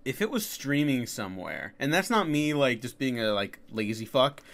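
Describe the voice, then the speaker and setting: A man's voice: medium pitch, very animated, moderate pace, fairly bright tone. A man hosting a podcast, with a stuffy, nasal voice while getting over being sick, talking loosely and swearing. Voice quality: nasal from a cold. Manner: loose, swears and laughs often. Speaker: podcast host. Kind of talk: casual chat.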